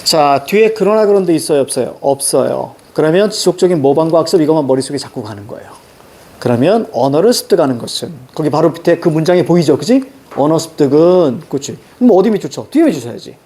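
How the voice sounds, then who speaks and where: A fast-talking middle-aged man with a higher voice lectures a class in front of a blackboard. Animated and directive, he drills students on reading steps, telling them exactly what to underline and circle.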